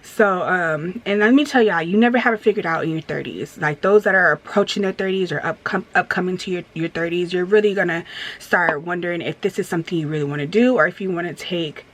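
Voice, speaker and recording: With a lowish voice and a fairly quick pace, a vlogger in her thirties chats candidly through a storytime while getting ready. She rambles, restarts, and leans on fillers, becoming emphatic as she vents.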